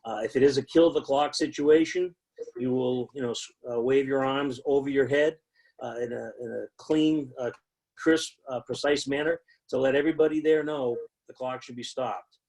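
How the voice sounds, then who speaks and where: A man's voice: mid-range voice, steady tone, normal speed, a little mellow, low-quality recording. Man teaching football officiating, casual. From United States. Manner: conversational, many fillers and repeated emphasis. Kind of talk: instructional talk.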